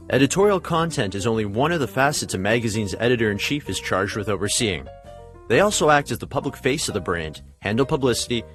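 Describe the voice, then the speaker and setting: A man hosting a podcast, reading a smooth introduction and then asking questions. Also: mid-range voice, fairly bright tone. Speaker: podcast host. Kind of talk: scripted intro, then interviewing.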